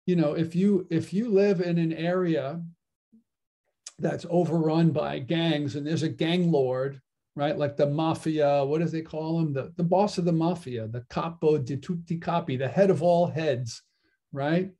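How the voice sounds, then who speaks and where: Conversational and informal, a male philosophy teacher explains concepts to his class and keeps checking in with "right?". He speaks a little slowly in a mellow, somewhat high voice.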